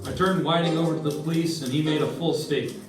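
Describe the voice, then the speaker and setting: A man with a fairly high, steady voice talks fast in a lightly acted, clipped old-time radio detective style, playing a wry, hardboiled insurance investigator narrating his case. The mood is wry and dramatic. It's a live stage performance picked up by a distant mic in an echoey space, with music playing behind him.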